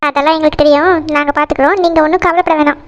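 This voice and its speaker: A fiery young cartoon bride, voiced by a woman, very high-pitched and rattling off sharp retorts at speed. The sound is dull and lo-fi. She scolds rather than chats. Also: fairly even intonation, racing, natural voice. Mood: scolding.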